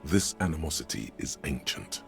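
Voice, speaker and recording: An actor giving scripted narration in a video game, with a grave, measured delivery. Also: male voice, lively intonation, a bit bright, faint music behind, exaggerated voice. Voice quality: very deep, gravelly.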